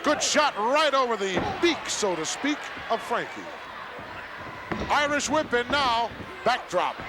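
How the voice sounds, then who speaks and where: High-pitched male wrestling commentator. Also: lively intonation, a little slow, very noisy. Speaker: play-by-play commentator.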